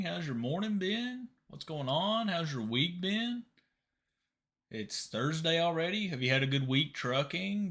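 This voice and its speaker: A man's voice: fairly high pitch, vocal fry, a bit bright. A man in his mid twenties hosting a casual live stream, chatting easily and tossing questions to viewers. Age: 20s. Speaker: livestream host.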